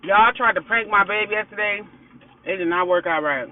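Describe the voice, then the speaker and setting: An American food vlogger with a high voice, talking a little fast, chats casually with viewers during a mukbang inside a parked car. He speaks with his mouth full and murmurs between bites, and the sound is thin and phone-like.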